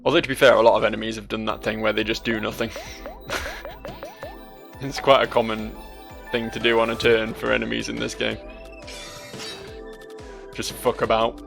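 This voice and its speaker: Male gaming host, heavy vocal fry, casual and dryly musing, faint music underneath. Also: lowish voice, little pitch movement, normal speed, pauses often. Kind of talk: casual let's play commentary.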